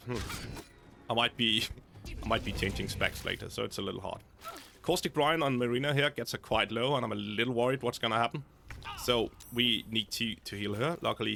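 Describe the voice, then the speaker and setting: A man's voice: lowish voice, gravelly, bright, forceful tone, a little hiss or hum. A man casually commenting over his own gameplay, thinking aloud and often restarting his sentences.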